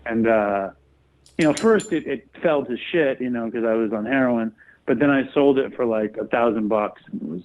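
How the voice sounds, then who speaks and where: A man's voice: medium pitch, normal speed, darkish tone. A male podcast guest talking casually and hesitantly, with many ums and restarts, over a remote call. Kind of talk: casual interview chat. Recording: tinny phone-line audio.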